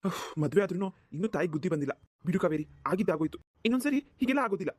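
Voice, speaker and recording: A woman's voice: on the low side, lively intonation, very fast, darkish tone, a little hiss or hum, natural voice. A woman voicing a flustered young husband in a cartoon, pleading and exasperated. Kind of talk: cartoon voice acting.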